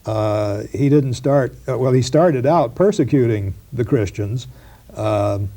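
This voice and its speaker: A professor being interviewed walks through history at an unhurried, lecturing pace, his mid-range voice mellow and soft around the edges. His delivery is halting, full of fillers, restarts and repetitions. The whole thing has the feel of a 1990s broadcast interview.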